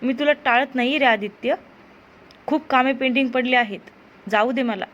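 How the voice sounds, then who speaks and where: A woman voicing a torn young woman who pleads softly with the man she loves. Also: sits high, moderate pace, dull audio. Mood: pleading. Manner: soft, pleading.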